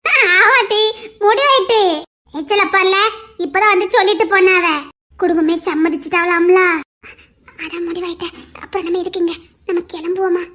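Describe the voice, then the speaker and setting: A woman plays a young village heroine in an animated love story, her voice very high and piercing. She chatters fast and sharply with her friends, then scolds her fiancé. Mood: chatty.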